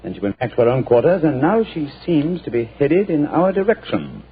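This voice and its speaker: An actor playing Sherlock Holmes, a cool-headed gentleman detective, in a 1940s radio drama, speaking in a calm, measured, rhetorical way. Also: on the high side. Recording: tinny old radio broadcast.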